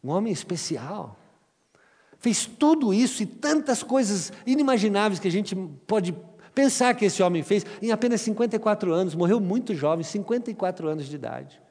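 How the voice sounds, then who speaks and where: A pastor with a high-sitting voice and moderate pace preaches a sermon to his church. He animatedly tells a story, acting out its dialogue in different voices, before reading scripture. The recording carries church hall reverb with music.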